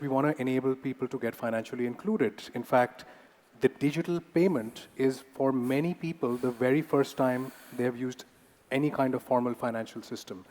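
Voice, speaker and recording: A man's voice: medium pitch, a little mellow. A man speaking as a corporate panelist, explaining points conversationally with small check-in tags. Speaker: panelist, payments company representative. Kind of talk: conference panel answer. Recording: reverberant conference hall.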